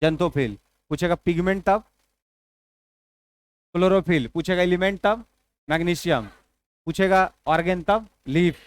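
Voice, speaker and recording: A man's voice: high-pitched, measured pace, pauses often, clean tone, no room sound. A male teacher giving an exam-prep biology lecture, repeating key points and dictating notes, asking and answering his own questions.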